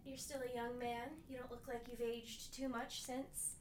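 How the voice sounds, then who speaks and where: A woman playing a playful hermit woman who tends a wounded man, talking gently and often dropping into a half-whisper. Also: fairly high pitch, flat delivery, moderate pace, slight background noise, close to an everyday voice. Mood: teasing. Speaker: audio roleplay performer. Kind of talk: audio roleplay addressed to the listener.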